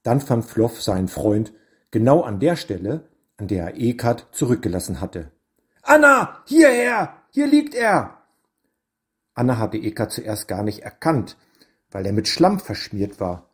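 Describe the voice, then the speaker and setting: A man narrating a storybook in a measured, deliberate way. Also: lowish voice, expressive, a little mellow.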